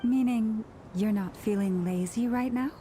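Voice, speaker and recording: An actress playing a polite, curious young woman companion in a video game, speaking in a measured, inquisitive way. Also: fairly high pitch, dark tone, a little hiss or hum, lightly acted. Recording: music behind the voice.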